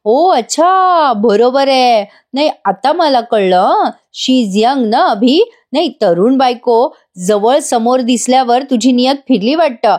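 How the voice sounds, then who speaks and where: A woman's voice: sits high, a little mellow, pitched above the performer's own voice. A woman voicing a scheming, jealous woman professor in a retold TV serial scene, sly and taunting with mock innocence.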